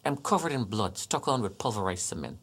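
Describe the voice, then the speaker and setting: A man giving interview testimony in an emotional way, his voice often sinking low and quiet. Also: sing-song, a little fast. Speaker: interviewee, survivor.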